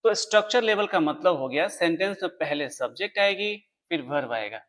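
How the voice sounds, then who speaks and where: A man's voice: on the high side, expressive, fairly quick, fairly bright tone. A man teaching an English grammar lesson, explaining step by step and answering his own questions. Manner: writes on a board while explaining.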